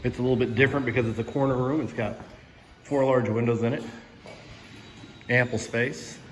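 This is an off-the-cuff indoor walking tour by a school superintendent, who explains matter-of-factly while holding his phone to film. His voice is medium-pitched, steady, and brisk. Heavy building-site noise is loud throughout.

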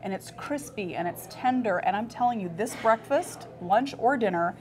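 A woman's voice: on the high side, animated, normal speed, faint music behind. A young woman co-hosting a restaurant show, chatting with bubbly enthusiasm and frequent laughs. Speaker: food show co-host. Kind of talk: casual food-show chat.

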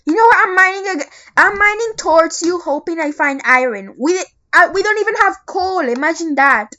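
A gamer giving casual let's-play commentary, excitedly calling out to teammates. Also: very high voice, moderate pace. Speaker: gamer playing with friends.

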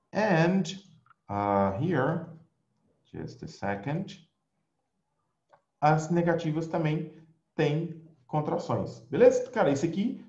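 A man from Brazil teaching English in an online class, switching between Portuguese and English and slowing down for example sentences. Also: fairly high pitch. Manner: lively, drills words for repetition, slows down for examples. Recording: echoey, dull lo-fi audio.

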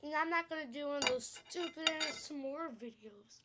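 Speaking in a high, steady voice, a young girl hosts a casual food vlog indoors at home through a camera mic, and the recording is very noisy. She chats and giggles a lot and often apologizes.

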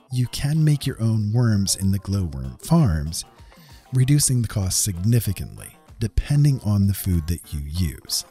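A gaming video is narrated by a man whose fairly low voice sounds warm and husky, with quiet music playing underneath. His delivery is semi-scripted, explaining each step in turn.

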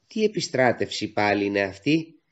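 A man voicing an eager, spirited young woman resistance worker who asks quick, insistent questions, on a dull lo-fi recording. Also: fairly low pitch, big pitch swings.

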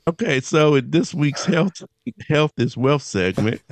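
A man's voice: on the high side, lively intonation, measured pace, no room sound. Chuckling man hosting a podcast. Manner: laughing, joking, keeps things moving. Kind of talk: casual chat.

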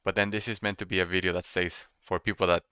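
A young man doing casual live trading commentary, thinking out loud and repeating his phrases as he muses. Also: sits low, level tone, quick pace, clean tone, dry recording, clean studio sound. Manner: repeats phrases while musing to himself. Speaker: day trader streaming live. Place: small room indoors at a computer desk.

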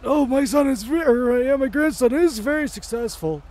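A very high-pitched, doddering old grandfather faked by a young man for online game role-play. He comes across as apologetic and forgetful, a retiree in his twilight years. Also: lively intonation, normal speed, darkish tone. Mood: apologetic, rambling.

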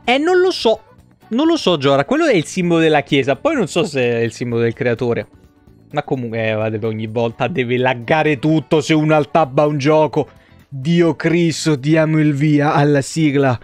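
A young Italian game streamer speaks with a fairly high voice at a moderate pace, faint music behind him. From a home room on a close desk microphone, his casual chat is rambling and profane, with words repeated for emphasis.

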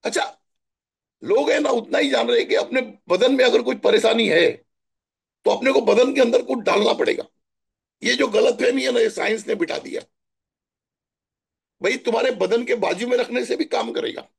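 A middle-aged man from Maharashtra telling stories in a chatty, animated way during a spiritual talk. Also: very high-pitched, moderate pace, vocal fry, long pauses, slightly rough. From Maharashtra, India. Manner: chatty, animated storytelling with asides. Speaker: spiritual guest answering questions.

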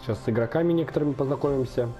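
With soft music in the background, a young man delivers rapid-fire let's-play commentary on a football management game for his gaming channel. His mid-range voice has a dark tone and is a little off from a mild illness, and he thinks aloud with many fillers.

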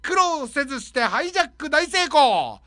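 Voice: sits high, sing-song, moderate pace, sharp tone, no room sound, studio quality. A radio host running a comic segment, punning and jumping between voices.

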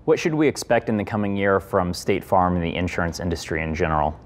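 Deep-voiced young male interviewer. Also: fast. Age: young adult. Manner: calm, asks short prepared questions. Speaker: interviewer, company CEO. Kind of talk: business interview. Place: studio set. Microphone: lapel mic.

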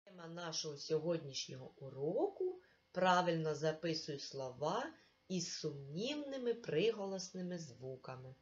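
A woman's voice: sits low, animated. A woman teaching a remote lesson to young children, patient and encouraging and speaking straight to the pupil. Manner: slow, patient, encouraging, addresses the pupil directly. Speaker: primary school teacher. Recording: dull lo-fi recording.

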